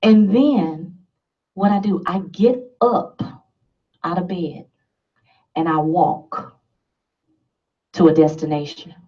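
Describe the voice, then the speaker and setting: A woman's voice: lowish voice, slow, long pauses, distant mic, muffled recording. A woman giving an emphatic motivational talk to a live audience, laughing and asking the listeners questions. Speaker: motivational speaker.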